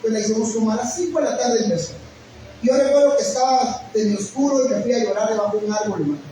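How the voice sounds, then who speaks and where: A man's voice: high voice, fast talker, mellow. Middle-aged man, pastor, emotional sermon storytelling; roomy distant pickup with noise. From Guatemala. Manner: emotional storytelling, addresses listeners as brother. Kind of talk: sermon testimony. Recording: echoey hall, mic at a distance, noisy.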